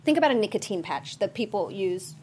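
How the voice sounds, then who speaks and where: A woman from Sri Lanka, a guest on a talk show, explaining her fitness routine and skincare products in an earnest, measured way. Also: medium pitch, expressive, darkish tone, a little hiss or hum. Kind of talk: casual talk-show chat.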